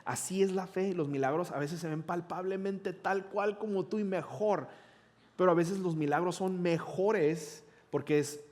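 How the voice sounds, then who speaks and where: A man's voice: high voice, a little slow. A middle-aged man, a pastor telling a personal story in a conversational sermon and acting out the dialogue. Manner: conversational, animated retelling with quoted dialogue.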